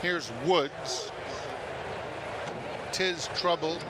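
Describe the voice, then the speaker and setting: A man's voice: on the high side, steady tone, extremely slow. A man calling a live horse race as the track announcer at a racetrack. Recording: clear outdoor track noise.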